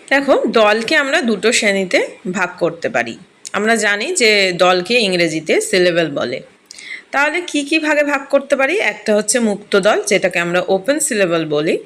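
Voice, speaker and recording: A young woman teaches grammar to schoolchildren. She works through each exercise step by step, patient and explanatory. Her voice sits at a middle pitch. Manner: explains step by step, often saying "dekho".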